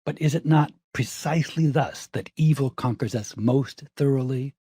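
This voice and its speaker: A man giving calm, measured audiobook narration of a reflective self-help text. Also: mid-range voice, husky, dry recording, studio quality.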